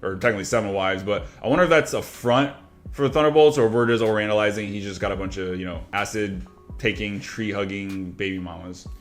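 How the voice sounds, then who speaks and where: A man co-hosting a reaction chat, talking quickly and casually, swearing now and then and slipping into quick impressions of characters. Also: on the low side, soft background music. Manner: fast, animated, swears casually, mimics characters' lines. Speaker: reaction channel co-host.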